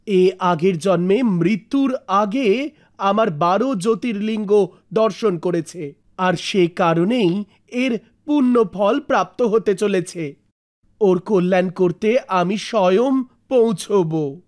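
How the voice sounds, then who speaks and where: A man's voice: sits high, slow, darkish tone. A man voicing solemn, all-knowing god Shiva. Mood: benevolent. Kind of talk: animated mythological story dialogue. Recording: music under the voice.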